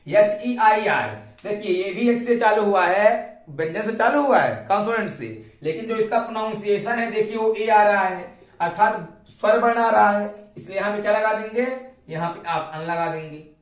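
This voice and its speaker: A man's voice: high voice, moderate pace, far from the mic. Indian man teaching grammar in an echoey room. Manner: repeats questions to students. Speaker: English teacher. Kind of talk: classroom grammar lesson.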